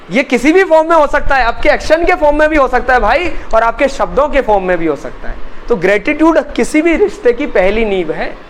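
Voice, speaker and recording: A man from Indore with an Indian accent, teaching spoken English to a class in an emphatic way, slowing down to drill phrases and asking students to repeat. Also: very high voice, fairly bright tone, a little hiss or hum, rough recording. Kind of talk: classroom language lesson.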